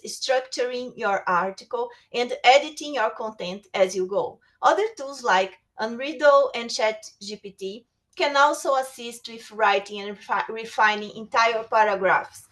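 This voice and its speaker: Presenting a webinar on writing tools, this Portuguese-native woman reads from a prepared text and occasionally restarts small bits. She speaks at a medium pitch with a slightly bright tone.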